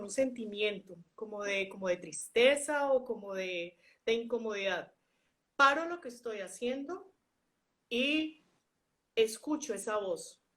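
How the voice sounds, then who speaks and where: A woman guest speaking in a live online chat, her voice slightly high. She talks in a relaxed, friendly, conversational way.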